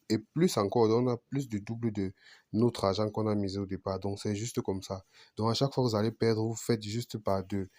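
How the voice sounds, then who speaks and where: A man's voice: on the low side, darkish tone, no room sound. A man hosting a betting channel, talking through a screen-recorded tutorial and often repeating and restarting his phrases. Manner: repetitive, restarts phrases, asks "vous comprenez"; apologizes for his accent.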